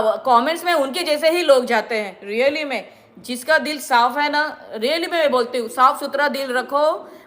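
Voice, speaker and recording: A woman's voice: on the high side, a bit bright. A middle-aged woman from India, lecturing her viewers in an indignant, repetitive monologue. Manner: indignant, lecturing, repeats herself. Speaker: vlogger.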